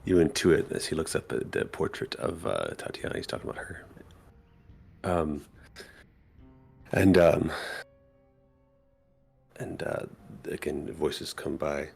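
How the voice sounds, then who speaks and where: A man's voice: a bass voice, lively intonation, takes it slowly, creaky, pauses often, darkish tone, breathy edge, faint music behind. A man narrating as dungeon master in a tabletop game, talking in a hesitant way with many ums and frequent laughs.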